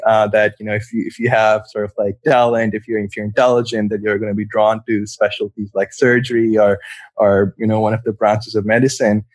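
A man's voice: fairly low pitch, no echo. A man from Pakistan, a psychiatrist answering interview questions in a thoughtful way, with many fillers and restarts. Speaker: psychiatrist guest.

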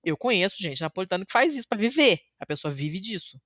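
A podcast guest originally from Rio de Janeiro, Brazil, and living in Italy talks fast in a muffled recording without echo. Her casual chat is animated and sprinkled with swearing and self-deprecating jokes, with sudden high-pitched bursts when she gets worked up.

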